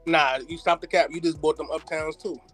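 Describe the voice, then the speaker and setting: A man's voice: a little high, steady tone, a little fast, fairly bright tone, faint music behind. Joking slangy podcast co-host, a man. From United States. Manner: loose slangy joking, laughs often. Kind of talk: casual sneaker podcast banter.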